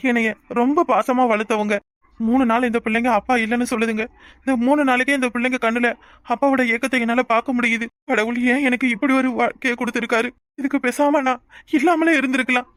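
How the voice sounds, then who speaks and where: A man's voice: extremely high pitch, steady tone, fast talker, fairly bright tone, no echo. A man voicing a grieving, guilt-ridden young father in a cartoon, pleading with his family in a tearful, remorseful way. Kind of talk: cartoon voice acting.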